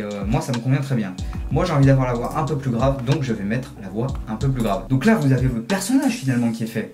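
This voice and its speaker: A man with a mid-range voice walks through a software tutorial in a relaxed, joking way. Music plays softly under his voice. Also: medium pitch. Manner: chatty, jokey, step-by-step explaining. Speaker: video host.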